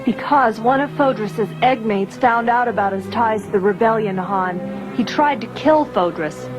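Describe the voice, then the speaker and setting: A woman playing Princess Leia, brisk and commanding. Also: on the high side, close to an everyday voice, rough recording. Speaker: rebel princess and mission leader. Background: music.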